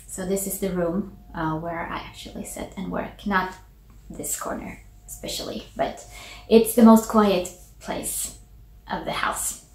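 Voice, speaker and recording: A Finland-Swedish woman in her forties, a native Swedish speaker who hosts a knitting podcast, talks casually to the camera from her small home office. Her mid-range voice is relaxed and thoughtful, full of ums and frequent pauses as she collects her thoughts. The camera sits at desk distance, and the small room gives a noticeably roomy echo.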